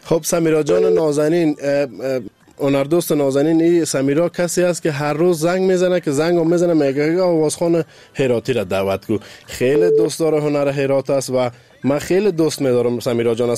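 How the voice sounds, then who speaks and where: Man, radio call-in host, mellow dark voice, effusive, affectionate, studio chat. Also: on the high side, dry recording. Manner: effusive, showers callers with endearments.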